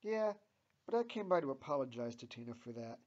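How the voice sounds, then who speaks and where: A man's voice: mid-range voice, very animated, fairly quick, highs cut off, natural voice. A man voicing a cocky, sarcastic teenage girl.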